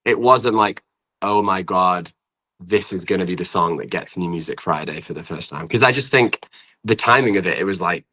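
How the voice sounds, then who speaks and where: This deep, bright-voiced man from Preston speaks at a normal speed over poor audio. A singer-songwriter and producer, he's a guest in a casual interview, rambling informally and dropping "like" often.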